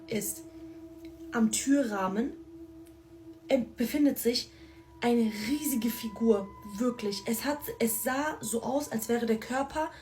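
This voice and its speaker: A woman telling her own scary story in a casual, excited, slangy way, speaking straight to her listeners. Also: fairly high pitch, a little hiss or hum.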